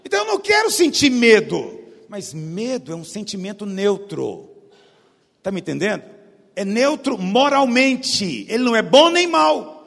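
A man preaching a sermon with a Goiás Brazilian accent, his voice gravelly and a little husky. He swings between loud emphatic bursts and low hushed asides, with a pitch that leaps and falls. His voice carries a long reverb from a large hall. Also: big pitch swings, a little slow. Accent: Goiás Brazilian Portuguese.

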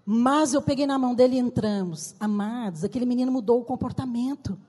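An older woman preaching a sermon with a husky, firm voice and emphatic, drawn-out phrases. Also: fairly high pitch, dark tone. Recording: reverberant hall.

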